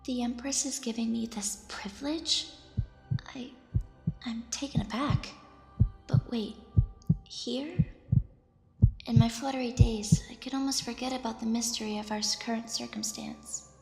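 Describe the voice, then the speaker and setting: Woman acting an anxious squire, high and creaky. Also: steady tone, brisk, mellow. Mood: flustered, anxious. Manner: hesitant, stammering when addressed. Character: anxious, deferential young female squire, narrating her thoughts. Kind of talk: scripted first-person dramatic narration. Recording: roomy, reverberant, music behind.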